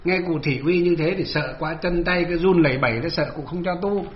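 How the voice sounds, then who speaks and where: A man's voice: on the high side, a little fast, highs cut off, slight background noise. A man who is a Buddhist monk from northern Vietnam, telling the story of his ordination in an earnest storytelling manner. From Hoa Binh, northern Vietnam.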